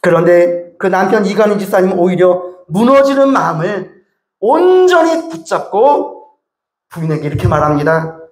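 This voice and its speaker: A man's voice: high-pitched, sing-song, normal speed, a little mellow. A male pastor delivering a sermon, telling a story and speaking directly to his congregation. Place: church sanctuary. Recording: echoey church hall.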